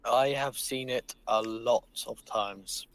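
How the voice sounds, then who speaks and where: A man's voice: mid-range voice, slow, fairly bright tone, no echo. A man co-hosting a casual podcast chat, speaking in an eager, exclamatory way. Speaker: co-host.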